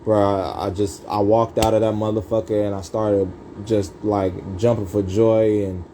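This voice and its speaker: Low-voiced man telling his story with street slang. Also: level tone, normal speed, dark tone, slight background noise, low-quality recording. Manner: rambling, profane, street slang, many fillers. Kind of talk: casual storytelling from a livestream.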